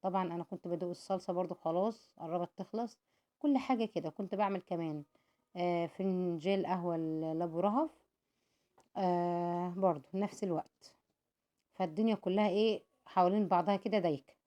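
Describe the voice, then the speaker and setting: A woman with an Egyptian Arabic accent talks through her home cooking in a fast, chatty voice-over. Her voice sits a little low and sounds mellow rather than bright. She walks through every step, calls her viewers "my dears" and blesses them along the way. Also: steady tone. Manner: warm and devout, calls viewers "my dears", prays for them often; explains each cooking step with asides and restarts.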